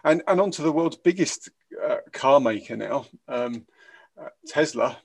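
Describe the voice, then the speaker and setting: A man's voice: medium pitch, expressive, a little slow, gravelly, breathy edge. A man, co-hosting a casual news podcast, hesitant with many fillers. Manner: hesitant, many ums and uhs, trailing off softly. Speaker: podcast co-host.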